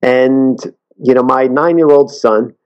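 A man talking as an interview guest, earnest and halting, often restarting his sentences. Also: mid-range voice, darkish tone, lo-fi sound. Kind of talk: casual interview talk.

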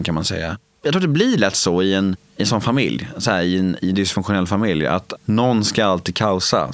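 A man in his late twenties, speaking candidly in an interview, halting with many fillers and restarts. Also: on the low side, no echo.

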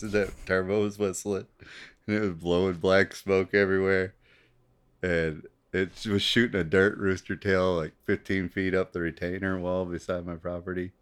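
A male podcast co-host telling a story in casual chat, laid-back, laughing often and swearing casually. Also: sits low.

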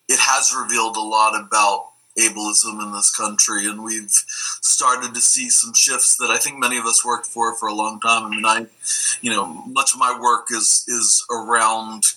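A man giving casual interview answers haltingly, often repeating words. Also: on the low side, sharp tone, low-quality recording.

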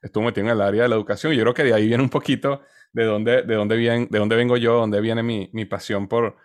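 A podcast guest in his forties, speaking with a Venezuelan Spanish accent, gives a fast conversational interview answer about his story. His voice sits on the low side with fairly even intonation, and he hesitates, often repeating words as he searches. The sound is clean studio audio without room sound.

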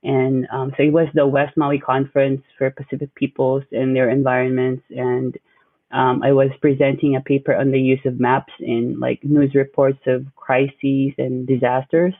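Gravelly young man on a tinny line. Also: mid-range voice, monotone, normal speed, no room sound. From Philippines. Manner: hesitant, many fillers. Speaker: guest, graduate student. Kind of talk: casual interview. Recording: dry tinny phone-like line.

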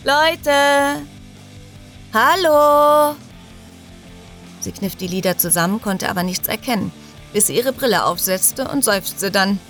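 A woman's voice: medium pitch, moderate pace, faint music behind, close to an everyday voice. Woman reading as a grumpy genius hacker girl, sulky and sarcastic, audiobook. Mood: grumbling.

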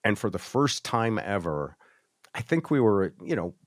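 A man's voice: on the low side, very animated, unhurried, no room sound, studio quality. A middle-aged American man, a former radio host, casually reminiscing and acting out old exchanges as he tells the story. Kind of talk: casual reminiscing on a group call. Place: video call.

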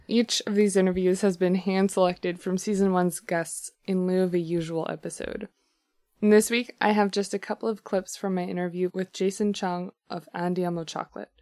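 A woman hosts a podcast, announcing and interviewing in an upbeat, clear manner. Her voice sits at a middle pitch. The sound is close and dry. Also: a little mellow, dry recording. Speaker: podcast host.

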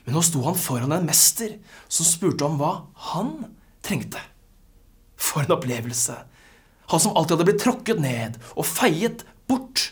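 Husky preacher giving a sermon, goes loud then drops almost to a whisper. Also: mid-range voice. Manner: dramatic dynamics, drops to near-whispers at phrase ends.

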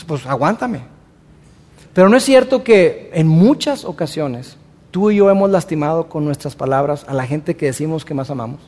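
A man preaching a sermon as pastor, in a conversational way, acting out everyday excuses in quick asides. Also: on the high side, dark tone. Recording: long reverb of a large hall.

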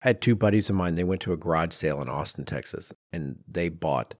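A middle-aged podcast co-host with a low voice talks quickly, telling researched stories in an informal, conversational way with personal asides. The studio-quality recording has no room sound.

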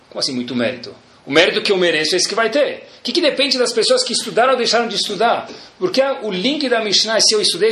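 In a high, sharp voice, a rabbi with a Brazilian Portuguese accent delivers a Torah class, a storytelling sermon. He is emphatic and colloquial, repeating key phrases and posing rhetorical questions.

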